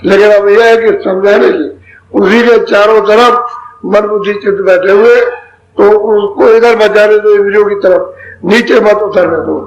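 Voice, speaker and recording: High-voiced man giving a spiritual sermon. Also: steady tone. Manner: slow, explanatory, repeating phrases. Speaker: spiritual teacher. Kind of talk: satsang sermon. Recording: dull lo-fi recording with faint noise.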